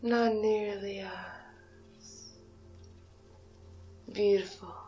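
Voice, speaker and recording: A woman performing a whispered ASMR hypnosis roleplay as a haughty, mesmerizing alien cow, breathy and drawn-out with long pauses. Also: mid-range voice, steady tone, warm tone, faint music behind. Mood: haughty, coaxing.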